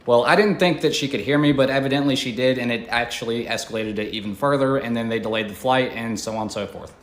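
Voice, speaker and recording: A man's voice: mid-range voice, fast talker. A man, a social media creator, casually telling his side of a story in a colloquial, matter-of-fact way. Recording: echoey room.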